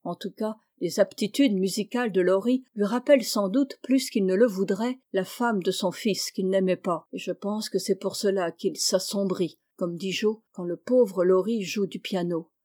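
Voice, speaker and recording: A woman's voice: medium pitch, normal speed, hardly any pauses, warm tone. Woman reading a novel aloud. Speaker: audiobook reader. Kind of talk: scripted novel narration.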